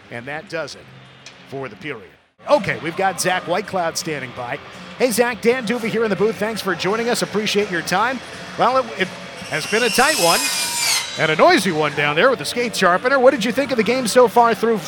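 A man's voice: high-pitched, expressive, a little fast, music in the background. A man giving live hockey commentary as play-by-play announcer, with dramatic calls on big plays. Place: arena broadcast booth.

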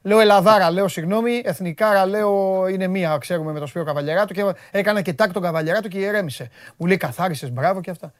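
A man hosting a sports talk show, chatting in an animated, joking way, his voice jumping high when he gets worked up. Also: few pauses, no room sound, clean studio sound. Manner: excitable, jokey, voice jumps high when worked up.

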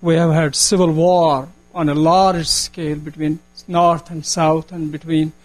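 A man's voice: a little high, flat delivery, measured pace, a little mellow, soft background music, poor audio. A man from Kashmir with a Kashmiri accent putting an earnest, formal question from the audience at a public talk. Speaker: audience member asking a question.

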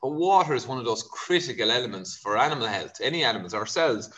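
A man's voice: medium pitch, lively intonation, fast, bright, forceful tone, rough recording. A man from Kerry with a west of Ireland accent, explaining things conversationally as an expert vet, with informal asides. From County Kerry, Ireland.

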